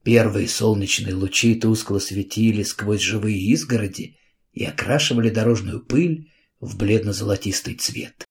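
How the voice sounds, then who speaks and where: A man narrating a children's book in a calm, even storytelling manner. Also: lowish voice, moderate pace. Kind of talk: audiobook narration.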